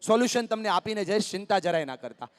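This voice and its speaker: High-voiced man speaking on a stage. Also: fast talker, long reverb tail. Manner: lively, coaxing and joking with the crowd. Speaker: motivational speaker. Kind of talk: live motivational talk with audience interaction. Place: large hall with live audience.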